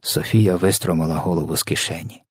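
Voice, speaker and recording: Deep husky male audiobook narrator. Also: a little fast, no room sound, clean studio sound. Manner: expressive storytelling.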